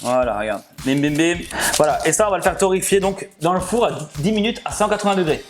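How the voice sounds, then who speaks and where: A man with a fairly high voice for a man hosts a home cooking video. He chats and jokes his way through it, laughs often, and talks to viewers as if they were sitting in front of him. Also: lively intonation, fast, soft background music. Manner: chatty and jokey, often laughing, addresses viewers directly. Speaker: cooking channel host. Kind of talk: casual cooking vlog talk.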